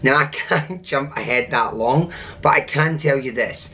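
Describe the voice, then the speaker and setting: A man's voice: medium pitch, unhurried, pushed and bright. A man talking casually to his vlog viewers in an upbeat, enthusiastic way, like a cruise director.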